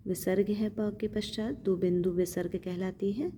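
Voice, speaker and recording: A woman's voice: mid-range voice, fairly even intonation, normal speed, warm tone, a little hiss or hum. A woman teaching Sanskrit recitation, patiently breaking words into syllables and repeating them. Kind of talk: slow syllable-by-syllable teaching of a hymn.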